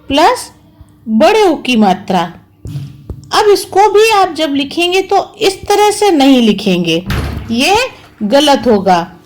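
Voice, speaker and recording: Woman teacher, high lively voice, slow careful delivery, repeats each word for small kids. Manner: slow, careful, spelling out each sound and syllable. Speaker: school teacher. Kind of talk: online Hindi lesson for young children.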